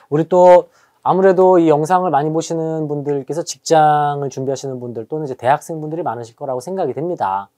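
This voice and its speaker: A history lecturer giving an exam-prep lecture, chatty and lively, repeating key terms for emphasis. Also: mid-range voice, fairly quick.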